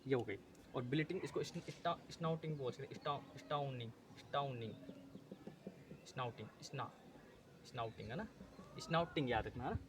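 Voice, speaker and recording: A man's voice: mid-range voice, moderate pace, long pauses, noisy background. A male teacher running an exam-prep lesson, repeating terms, asking and answering his own questions, often correcting himself.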